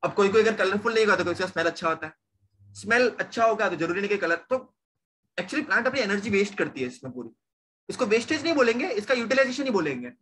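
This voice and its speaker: A man's voice: high-pitched, expressive, fast, a bit bright, slight background noise. A young man teaching a science class, repeating questions to his students and mixing in English terms. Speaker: science tutor. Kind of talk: online class lecture.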